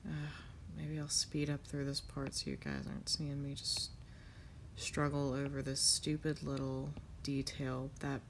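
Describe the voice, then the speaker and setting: A young woman comic artist chats casually as she draws, criticizing herself, swearing under her breath, and sniffling with a cold. Her voice is extremely low-pitched, lively in intonation, and measured in pace, with slight background noise.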